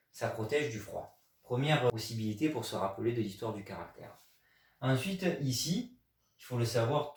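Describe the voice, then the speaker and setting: Patient explanations with stressed key words come from a French man teaching Chinese by video. His mid-range voice sits far from the mic, and the room echoes.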